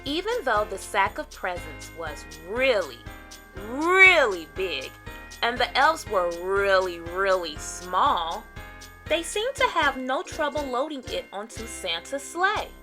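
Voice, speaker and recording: A woman narrating a children's storybook in an expressive read-aloud style with deliberate phrasing. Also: a little high, soft background music.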